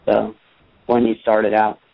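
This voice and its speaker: A man's voice: lowish voice, completely flat delivery, takes it slowly, gravelly, dry recording. A young man from Richmond, Virginia, a race car driver, talking easily and plainly as a guest over a phone line. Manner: easygoing, plainspoken, repeats words when starting. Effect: heard over a phone line. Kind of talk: casual phone interview. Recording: dry tinny phone line.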